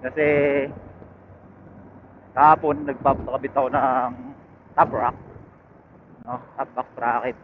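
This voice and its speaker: A man with a Filipino accent rides his motorcycle outdoors and chats haltingly to his viewers, thinking out loud in a medium-pitched voice with fairly even intonation. The casual, unscripted talk comes through a phone-like helmet intercom headset tied to an action camera, amid loud engine and road noise.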